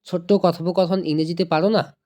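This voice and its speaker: Patient online tutor with a soft, warm tone who talks to viewers like friends and repeats each point. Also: mid-range voice, steady tone, brisk. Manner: patient, repeats and checks understanding; addresses viewers warmly as friends. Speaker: online English teacher. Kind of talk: explanatory video lesson.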